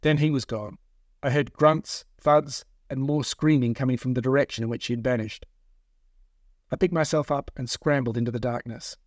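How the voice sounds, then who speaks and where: A man reads his own novel aloud in a steady, measured first-person narration at a middle pitch. The voice sits close and dry, recorded in a studio with no room echo.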